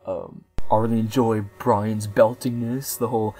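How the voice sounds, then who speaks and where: A young man in his twenties talks through an album review in a loose, unscripted way. His voice sits a bit low, and he pauses often with ums and restarts his sentences. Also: flat delivery, mellow, husky, faint music behind. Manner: rambling, hesitant with many ums. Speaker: music reviewer. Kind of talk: casual album review vlog.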